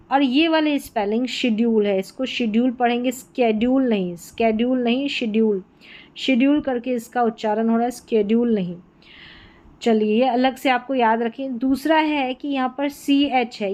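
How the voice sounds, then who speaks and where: In a Hindi-language spelling lesson, a woman teaches English words, explaining patiently and repeating them so learners catch on. Her voice sits on the high side, and the recording is rough.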